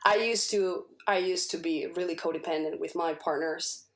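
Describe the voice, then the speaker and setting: A woman whose first language is Spanish appears as a podcast guest, giving a personal testimonial in casual conversation. Her voice is on the low side, steady and at normal speed, and she is earnest, often searching for words and repeating herself.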